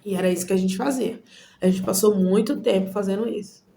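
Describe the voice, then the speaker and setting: Woman vlogger from Goiânia, Brazil, earnest personal testimony, measured and paused, mid-pitched. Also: creaky, dark tone, a little hiss or hum.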